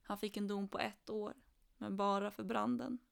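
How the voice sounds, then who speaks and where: Woman narrator for a true crime story, even delivery, some vocal fry. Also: medium pitch.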